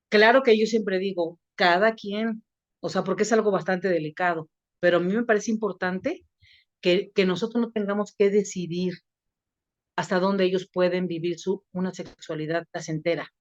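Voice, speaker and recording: A middle-aged woman speaking as a psychologist in a professional conversation. She tells lively stories of her cases in a voice of middling pitch. The audio is dull and lo-fi. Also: normal speed. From Mexico. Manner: lively storytelling, acts out quoted voices. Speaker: psychologist and sexologist.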